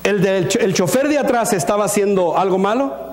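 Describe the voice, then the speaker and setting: A pastor preaching a sermon in a church, asking the congregation questions, acting out little scenes and slipping in English words. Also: male voice, high voice, fairly quick, slight background noise. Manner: animated, asks the congregation questions and acts out scenes. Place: church hall. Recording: long reverb of a church hall.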